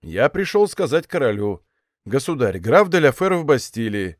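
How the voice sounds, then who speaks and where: A man voicing a calm, defiant veteran musketeer captain in an audiobook, speaking low and restrained. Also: moderate pace, no room sound, studio quality, lightly acted. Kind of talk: audiobook character voice.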